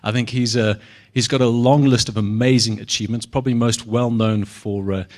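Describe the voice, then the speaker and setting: A man's voice: medium pitch, steady tone, a little fast, a little mellow. A man from South Africa hosting an event, casually telling an anecdote before he introduces the next speaker. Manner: storytelling, casual, uses fillers. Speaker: event host.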